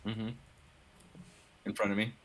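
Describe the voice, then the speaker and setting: A man chatting casually as a tabletop player, quick and eager. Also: lowish voice, completely flat delivery, a bit bright, poor audio.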